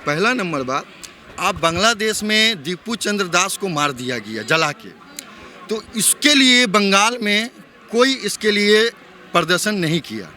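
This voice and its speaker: A man's voice: sits high, animated, a little slow, bright, forceful tone, slight background noise. A man from West Bengal, India answering a street interview. He talks heatedly and fires off rhetorical questions.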